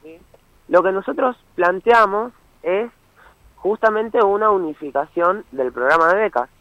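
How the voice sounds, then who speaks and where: Heard through a muffled phone connection, a young adult male student activist with an Argentine Spanish accent from Misiones explains his cause in earnest during a phone interview. He speaks high-pitched and measured, with a fairly bright tone in a dry recording, often checking in with "¿sí?".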